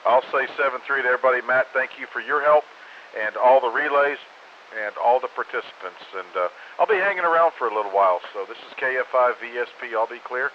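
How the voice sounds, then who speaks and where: A man's voice: medium pitch, quick pace. A man hosting an amateur radio net in a casual, folksy, rambling way over a crackly walkie-talkie style transmission. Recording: dull two-way radio with faint hiss.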